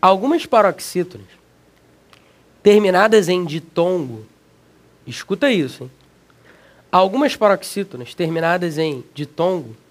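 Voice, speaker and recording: His voice sits high as this man, accented in Brazilian Portuguese, delivers an energetic, slangy exam-prep video lesson, speaking emphatically right to the student.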